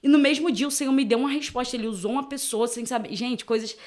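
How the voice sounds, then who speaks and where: Quick, animated young woman telling a story. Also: fairly high pitch. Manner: animated storytelling, acts out quoted dialogue. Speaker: missionary guest. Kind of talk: testimony in a podcast interview.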